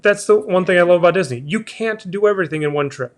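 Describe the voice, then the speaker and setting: A man's voice: high voice, fast. Chatty man hosting a travel talk. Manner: chatty, restarts sentences often. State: has the hiccups. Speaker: travel show host. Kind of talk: casual chat.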